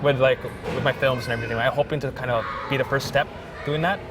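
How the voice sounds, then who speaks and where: A man's voice: mid-range voice, fairly even intonation, quick pace. A young man, a filmmaker guest, talking in a casual interview with lots of "like" fillers. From Thailand. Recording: music playing behind.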